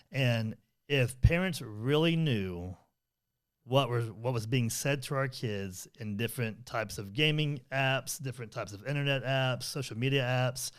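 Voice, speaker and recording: A middle-aged man co-hosting a parenting podcast, talking earnestly and rambling, with many fillers and restarts. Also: medium pitch. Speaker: podcast co-host. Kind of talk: casual conversational podcast chat.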